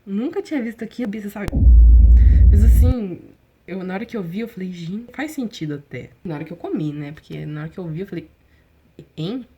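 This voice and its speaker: A woman vlogger talking casually to her viewers, chatty and animated, with slangy asides. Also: medium pitch, fast talker, slight background noise. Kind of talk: casual explainer vlog.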